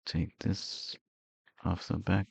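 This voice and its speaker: Slow, deep, gravelly-voiced man. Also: flat delivery, dry recording. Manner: rambling and easygoing, with frequent chuckles. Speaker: streamer. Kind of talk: casual chat while streaming.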